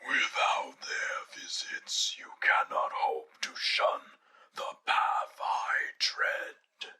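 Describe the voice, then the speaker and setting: Grave male spectre, hollow breathy whisper, very slow, mournful warnings, radio drama. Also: pushed and bright, heavily acted. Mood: ominous, mournful. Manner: slow, solemn, drawn-out pronouncements. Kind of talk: classic radio drama acting.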